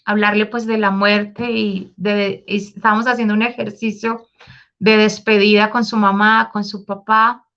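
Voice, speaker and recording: Bright high-voiced woman sharing her testimony. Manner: earnest, heartfelt storytelling. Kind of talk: personal faith testimony. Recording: slightly dull lo-fi sound.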